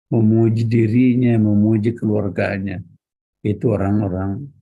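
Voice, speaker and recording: A man preaching a religious lecture, speaking directly to his listeners and repeating key words for emphasis in a measured, teaching delivery. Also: on the low side, mellow, slightly rough. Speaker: Islamic preacher.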